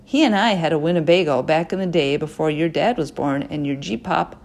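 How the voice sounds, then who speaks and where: A spry, bossy grandmother with a folksy drawl, as a woman reads her aloud. She talks in a brisk, chatty way, sounding proud of what she shows off. Her voice sits a little low. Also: animated, a little mellow.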